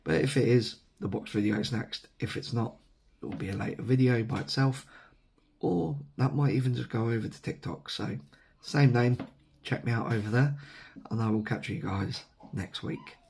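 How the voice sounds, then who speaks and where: With a little background noise in the room, a man with an English accent vlogs from his seat, recorded on the camera mic. His medium-pitched, darkish voice moves at a normal speed but is hoarse, since a sore throat is costing him his voice. He rambles casually, often saying um and correcting himself.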